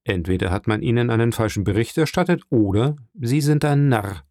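A man voicing an indignant aging French king in an audiobook reading, asking sharp, imperious questions. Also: medium pitch, brisk, no room sound, clean studio sound, natural voice.

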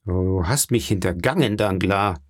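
Audiobook role: man doing a remorseful, fearful man, gravelly, low. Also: moderate pace, no echo, studio quality. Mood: guilty. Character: guilt-ridden, fearful adult male neighbour.

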